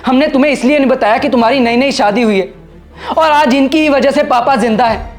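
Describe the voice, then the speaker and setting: A man's voice: very high voice, fairly quick, faint music behind. An actor playing a protective older brother who firmly scolds his sister. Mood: stern. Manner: firm, scolding. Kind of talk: short film acting.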